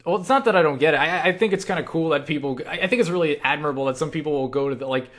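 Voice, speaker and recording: Racing along in a fairly high voice, a young online creator answers his viewers' questions. He's rambling and casual, self-deprecating, with animated asides that act out quotes.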